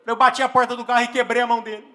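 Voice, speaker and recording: A Brazilian man with a Brazilian Portuguese accent doing stand-up comedy and telling an animated story on a live stage, with exaggerated exclamations and acted-out scenes. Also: extremely high pitch, very fast. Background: faint audience laughter.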